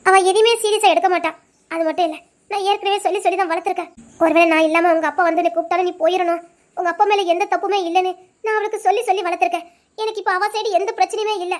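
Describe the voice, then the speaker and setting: Worried wife in an audio drama, very high voice, quick talk. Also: female voice, steady tone. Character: tearful middle-aged wife reuniting with husband.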